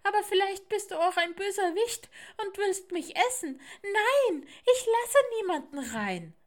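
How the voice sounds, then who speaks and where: A woman voicing a frightened, stubborn little owl chick in a storybook reading, with a squeaky, piping voice. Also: lively intonation, a little slow.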